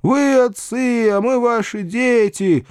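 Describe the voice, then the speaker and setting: Humble old peasant men, as a male reader acts them out, pleading in slow, stretched, beseeching words. Their voices ride high and lively, recorded close and dry. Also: no room sound. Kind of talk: audiobook character voice.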